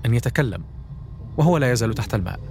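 Man, podcast host, scripted documentary narration, brisk pace, faint music bed. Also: mid-range voice, expressive.

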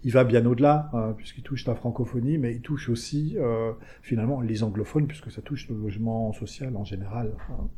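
With a warm tone at mid-range pitch, a man fields interview questions as a community organization manager. Hesitation marks his speech: frequent fillers, restarts, tag words, and a recurring "hein" after phrases.

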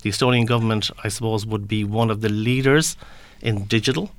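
A man with a fairly low voice and a west of Ireland accent talks as a guest in an explanatory interview. His delivery is halting, with words and short phrases repeated as he works toward his point. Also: steady tone, dry recording. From Galway, west of Ireland. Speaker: interview guest, construction industry representative.

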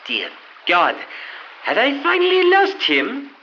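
A man's voice: fairly high pitch, lively intonation, very slow, lo-fi sound, a little hiss or hum. A man voicing a grumpy, sardonic male adventurer who groans and answers with dry sarcasm in a hobby audio drama. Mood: groggy.

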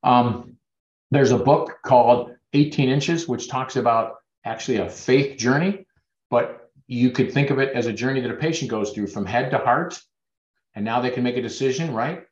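A man's voice: mid-range voice, normal speed. A man, a dentist, giving a webinar presentation over a video call in an earnest, persuasive storytelling way. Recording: roomy, dull webinar audio.

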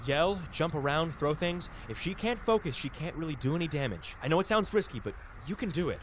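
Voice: medium pitch, expressive, fairly quick, slight background noise, natural voice. An actor playing a level-headed guide advising frightened friends in an audio drama, decisive and explanatory. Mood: instructing.

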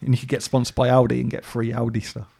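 A man's voice: mid-range voice, monotone, fast, gravelly, dark tone, a little hiss or hum. A young man co-hosting a gaming podcast who tosses in wry, jokey asides. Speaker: podcast co-host. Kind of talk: casual chat.

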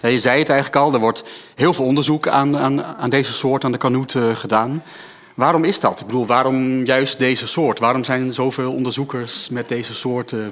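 A man's voice: medium pitch, fairly even intonation, moderate pace, a bit bright. A man co-hosting an interview, asking curious questions and giving brief acknowledgements.

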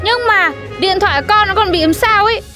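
A squeaky, fast-talking cartoon kid. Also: female voice, sharp tone, faint music behind. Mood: pleading. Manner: pleading and cheeky. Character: young school kid, whiny and chatty. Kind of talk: cartoon voice acting.

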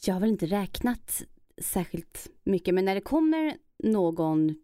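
A woman impressionist and voice actor chatting in a casual interview, slipping into high put-on voices. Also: big pitch swings, warm tone, no room sound, studio quality.

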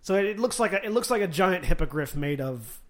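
A man's voice: high voice, lively intonation, fairly quick, fairly bright tone. A man playing a tabletop fantasy game, casually describing what his character does.

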